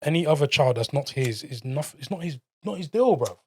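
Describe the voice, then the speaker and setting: A man's voice: a little high, lively intonation, fairly quick, warm tone, slightly rough. A man with an urban London accent, arguing casually and emphatically in roadman slang. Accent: London, urban street. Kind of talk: casual panel chat, opinionated.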